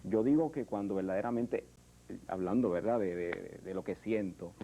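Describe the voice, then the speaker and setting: A man with a Puerto Rican accent, thinking aloud as he talks about his work. His voice sits low and sounds mellow and relaxed, with restarts and small pauses throughout. A faint hum of room ambience stays behind him. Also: poor audio. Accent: Puerto Rican Spanish. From Puerto Rico. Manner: reflective, hesitant, many fillers and restarts. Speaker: artist, sculptor. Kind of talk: interview conversation.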